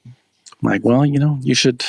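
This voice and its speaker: A man's voice: medium pitch, measured pace, gravelly, crowd noise. A man from the United States hosting a podcast, chatting and telling stories casually with teasing jokes and some swearing. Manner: joking, teasing, profane. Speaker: podcast host. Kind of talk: casual chat, storytelling.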